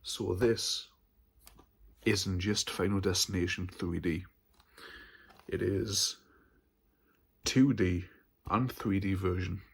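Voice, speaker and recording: Husky low-voiced man. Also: fairly even intonation, slow pace, long pauses. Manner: chatty, stumbles over words. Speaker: horror film channel host. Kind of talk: casual haul vlog.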